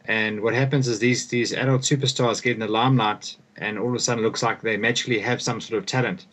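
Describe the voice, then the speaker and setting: Speaking quickly in a steady, fairly bright voice on the low side, this young South African guest author and performance coach gives considered, conversational answers. He frequently restarts sentences, repeating words as he does.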